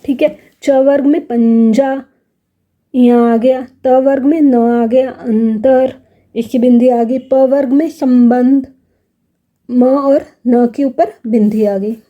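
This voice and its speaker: Slow, high-voiced woman teacher. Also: fairly even intonation, narrow, tinny audio. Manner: spells words out sound by sound, slow and deliberate; asks the class questions and answers them herself. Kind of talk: classroom lesson on grammar.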